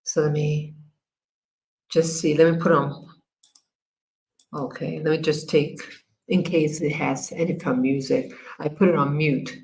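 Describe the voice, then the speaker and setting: An American woman with a low voice hosts a casual livestream. She talks slowly and haltingly, stopping and restarting as she sorts out her screen. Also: steady tone, darkish tone, rough recording. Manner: halting, many fillers and restarts while working the screen. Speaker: livestream host.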